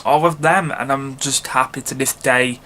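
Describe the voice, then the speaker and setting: A man's voice: medium pitch, steady tone, moderate pace, sharp tone. An earnest young man in his early twenties talks straight to his viewers. His delivery rambles, is packed with "you know" fillers and false starts, and sounds sincerely enthusiastic. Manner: earnest, heartfelt fan enthusiasm. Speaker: vlogger, channel host. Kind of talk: casual fan vlog chat.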